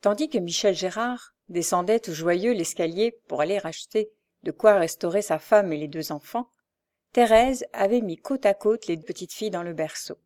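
A woman reads a classic novel as an audiobook in a measured, expressive way, her voice at a medium pitch.

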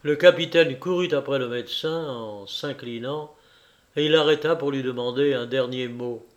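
A man narrating a classic novel in a measured, even reading. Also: medium pitch. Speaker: audiobook narrator.

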